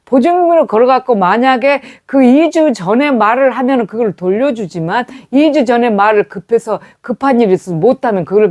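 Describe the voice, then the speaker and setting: A woman's voice: a little high, a little mellow. A middle-aged woman giving a sermon testimony, telling a story animatedly with quoted dialogue. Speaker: preacher.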